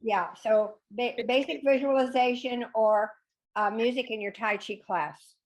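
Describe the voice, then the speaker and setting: A woman's voice: on the high side, fairly even intonation, measured pace, low-quality recording. A woman announcing the evening's sessions, hesitating and correcting herself. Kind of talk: casual event announcement.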